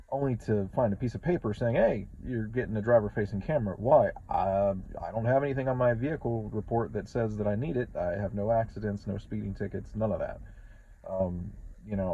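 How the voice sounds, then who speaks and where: A man's voice: fairly low pitch, muffled recording, slight background noise. A man, a truck driver, talking casually in a rambling vlog, repeating words and swearing often.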